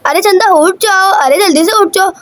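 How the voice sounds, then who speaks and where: A woman doing a hurried doll lady. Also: extremely high pitch, fairly bright tone, no room sound. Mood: urgent. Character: eager grown woman doll, friend.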